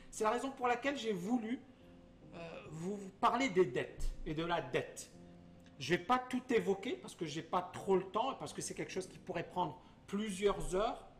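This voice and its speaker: A man's voice: high-pitched, expressive, moderate pace, a bit bright, faint music behind. A man hosting a live teaching stream, quizzing his viewers and explaining things in plain terms. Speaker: investment educator, host.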